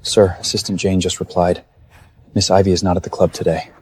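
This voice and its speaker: A man playing a deferential aide in a drama. His low voice stays even and businesslike, with slight noise behind it. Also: fairly quick, close to an everyday voice. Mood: dutiful. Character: dutiful, deferential male assistant to a boss. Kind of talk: screen drama acting.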